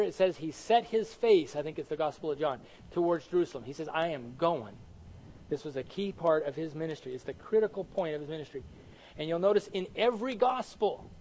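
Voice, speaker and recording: High-voiced animated preacher man. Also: slight background noise, low-quality recording. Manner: animated, asks the audience questions and answers them. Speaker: pastor teaching Bible study. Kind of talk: sermon.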